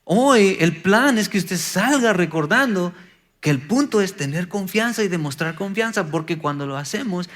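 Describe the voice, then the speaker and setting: Guy preaching a sermon, pastor voice a bit high, gets loud and emphatic in spots. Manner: preaching with rising emphatic bursts and acted quotes.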